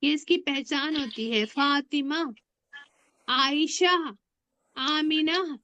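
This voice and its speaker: A woman's voice: sits high, drawn-out words, sharp tone, no room sound, lo-fi sound. A woman teaching Arabic grammar in an online class, patiently drilling words and asking her students questions. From India. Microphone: online class audio.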